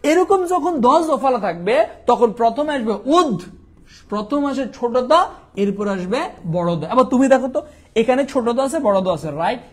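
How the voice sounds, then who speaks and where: A young man from Bangladesh teaching a quick exam revision lesson, asking questions and answering them himself. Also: very high-pitched, lively intonation.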